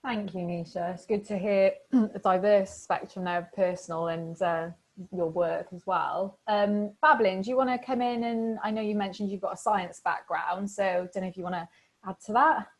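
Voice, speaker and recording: A woman chairing a video call panel, calmly handing the floor to the next speaker. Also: medium pitch, low-quality recording. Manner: measured, inviting speakers in. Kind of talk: panel moderation.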